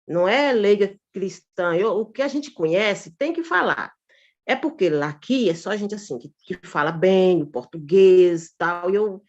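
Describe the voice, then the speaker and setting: A woman's voice: on the low side, a little mellow. A woman telling a church group about a recent experience, talking informally and animatedly and often calling her listeners brothers and sisters. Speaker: church member giving testimony. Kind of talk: informal spoken testimony. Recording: dull lo-fi recording.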